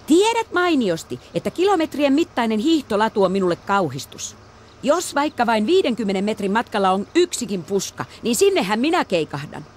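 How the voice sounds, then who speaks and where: A woman doing a flustered teenage girl, higher. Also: big pitch swings, darkish tone, a little hiss or hum.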